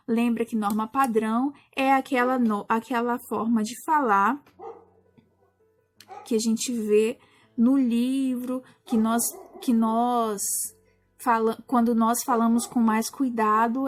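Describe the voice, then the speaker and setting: A Brazilian woman teacher explaining a lesson to primary school pupils in a patient way, often pausing and restarting. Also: fairly high pitch, fairly even intonation, soft background music. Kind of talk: recorded class explanation.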